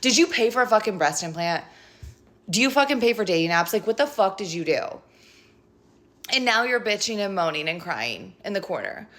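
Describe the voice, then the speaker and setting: A woman giving a tarot reading in an unfiltered rant, her voice sitting at an ordinary middle pitch. She is blunt and sarcastic, swears freely and scolds her listeners with no softening. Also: sing-song, fairly quick. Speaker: tarot reader.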